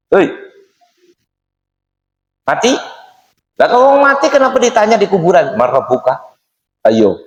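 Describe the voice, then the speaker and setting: Lively high-voiced preacher, echoey hall. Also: male voice. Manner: lively, questioning the audience in a teasing way. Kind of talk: mosque study sermon. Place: mosque hall. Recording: echoey mosque hall reverb.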